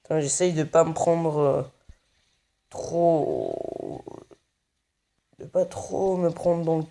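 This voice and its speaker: A man's voice: on the high side, huge pitch swings, takes it slowly, gravelly, dark tone. A young man giving casual, muttered play-by-play commentary on his own mobile game match, swearing often. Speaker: gaming video creator.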